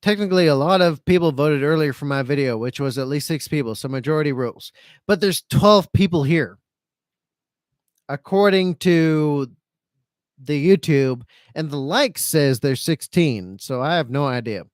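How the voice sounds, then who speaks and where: Higher-voiced man rambling on a live stream. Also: normal speed, no echo. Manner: rambling and repetitive, circling back over phrases; self-pitying, resigned complaining. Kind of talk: casual live-stream chat, reading out viewer comments.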